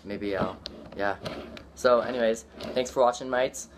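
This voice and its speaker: A man recording a casual vlog, out of breath and excited, with breathless exclamations between breath holds. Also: medium pitch, a little slow. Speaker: video creator. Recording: loud clicking noise behind voice.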